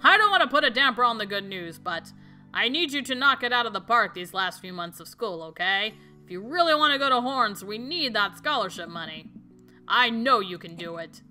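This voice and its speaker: A sentimental dad, caring and a little teary, talks earnestly to his grown daughter, read out by a woman with a bright, slightly high voice. The reading is gentle and emotional, close to her own voice. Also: lively intonation, a little fast, soft background music.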